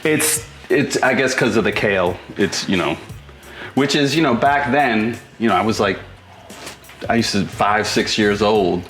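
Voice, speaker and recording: His pitch fairly low but a bit bright, a middle-aged Boston man takes his time hosting a cooking show from his home kitchen. The demonstration is casual, full of informal thinking aloud, with music behind and an echoing room.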